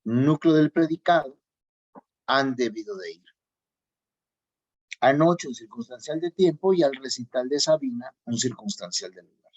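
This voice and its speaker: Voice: medium pitch, animated, measured pace, pauses often, a little mellow, slightly rough. Repetitive lecturing teacher, lo-fi sound. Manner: repeats key points for emphasis; checks in with students. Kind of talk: grammar lesson lecture. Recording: dull lo-fi recording.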